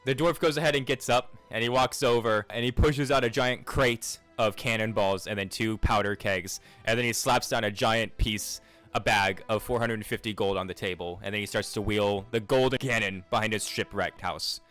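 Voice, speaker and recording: A man's voice: lowish voice, fairly even intonation, moderate pace, fairly bright tone, faint music behind. A man running a tabletop game as game master, laid-back and laughing easily. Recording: dry, close recording.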